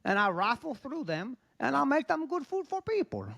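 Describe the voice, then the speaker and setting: Man putting on a puppet chef, greedy, touchy, deadpan, swooping sing-song voice, dry close sound. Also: extremely high pitch, moderate pace, vocal fry, no echo, full character voice. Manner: deadpan, easily offended, childlike. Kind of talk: comic bit on a podcast.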